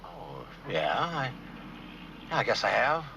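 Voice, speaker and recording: An easygoing, skeptical man in a seventies TV drama. He talks slowly and wryly in a lowish voice, over a noisy soundtrack. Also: sing-song, creaky, exaggerated voice. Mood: wry, gentle. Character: easygoing, gently skeptical man humoring a girl. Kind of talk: 1970s TV drama acting. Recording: muffled, noisy old TV soundtrack.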